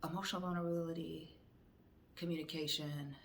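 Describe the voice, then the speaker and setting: A woman's voice: sits low, fairly even intonation, a little fast, vocal fry, slight background noise. A young adult woman vlogger talking candidly to the camera, frank and direct, with fillers and restarts. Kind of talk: candid reflective talk to camera.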